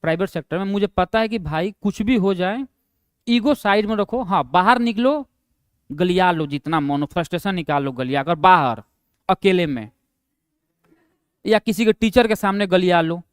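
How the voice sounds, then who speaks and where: A young man teaching an online class, chatting through his stories in a high, smooth voice. He laughs easily at himself and drops into a low mumble when he quotes others. The sound is close and dry, with no room in it. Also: lively intonation, normal speed, no room sound. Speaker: online exam-prep teacher. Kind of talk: casual classroom storytelling.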